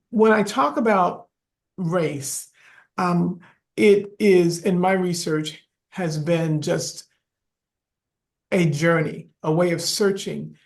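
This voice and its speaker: A gravelly-voiced woman of fifty or older speaks on an academic panel over a video call. She talks in a reflective, unhurried way, pausing with small fillers as she works through her thoughts. Her voice has a lot of rough fry in it. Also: lowish voice, a little mellow. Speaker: professor on a webinar panel.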